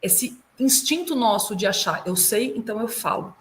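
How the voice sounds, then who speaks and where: Brazilian woman coaching lively on a call. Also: on the high side, normal speed, slight background noise. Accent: Brazilian Portuguese. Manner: lively, explanatory, drills German sounds aloud. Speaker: migration consultant and German teacher. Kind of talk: advice on a video call. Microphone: video call.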